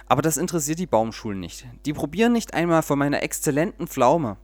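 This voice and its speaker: A man's voice: a little high, animated, fast, dry recording, lightly acted. A man voicing a fussy, earnest male plum grower in a read-aloud storybook. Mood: aggrieved.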